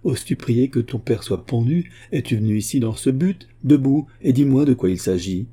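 A man's voice: lowish voice, lively intonation, brisk, mellow, breathy edge. A man voicing a frightened, guilty father who is a murderer. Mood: stern. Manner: agitated, fearful.

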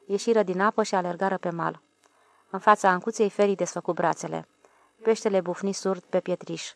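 A woman narrating an audiobook in a steady, measured reading. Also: lowish voice, gravelly. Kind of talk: scripted narration.

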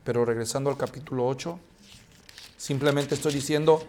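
A male pastor preaching a sermon, animated, acting out dialogue and asking the congregation questions. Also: mid-range voice, brisk, a little hiss or hum.

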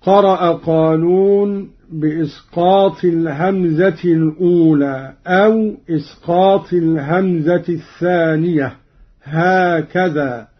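A man teaching Quran recitation variants on the radio, explaining each reading and then chanting the verse slowly as an example. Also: on the high side, fairly even intonation. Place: radio studio. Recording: dull old radio recording.

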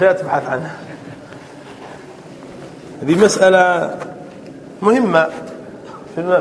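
High-voiced male grammar teacher drilling students. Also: slight background noise. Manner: often checks understanding with "clear?"; prompts students to answer. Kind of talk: classroom lesson.

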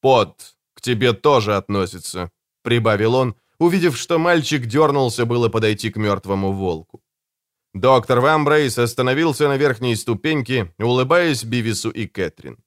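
Expressive male audiobook narrator. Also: mid-range voice, normal speed, dry recording, clean studio sound. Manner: expressive, dramatic storytelling. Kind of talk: scripted narration.

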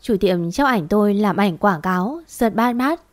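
A woman reads a spoken story aloud in a steady, even manner. Her voice sits at a middle pitch. The recording is close and dry, with no room sound. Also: moderate pace, no echo. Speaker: narrator. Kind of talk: scripted story narration.

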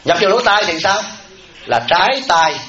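Male monk, higher-pitched, folksy joking dharma talk; echoey, dull live recording, audience laughter behind. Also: animated, normal speed, bright, forceful tone. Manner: folksy and teasing, repeats words for comic effect.

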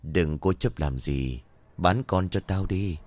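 Ghost woman at the well, menacing and slow, a man reads her, low and dry. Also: darkish tone, no room sound.

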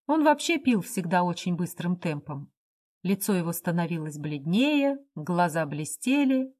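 A woman narrating a story as an audiobook, steady and expressive. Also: on the low side, measured pace.

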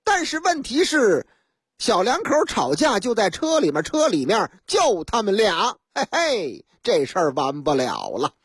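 Lively radio storyteller. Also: mid-range voice, measured pace, breathy edge, no echo, studio quality. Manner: lively and theatrical.

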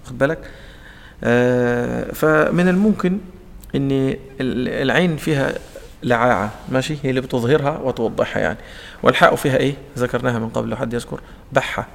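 This colloquial, explanatory Quran recitation lesson comes from a man with an Egyptian Arabic accent and a creaky mid-range voice, recorded in a large hall. He asks himself questions, answers them, and demonstrates the sounds.

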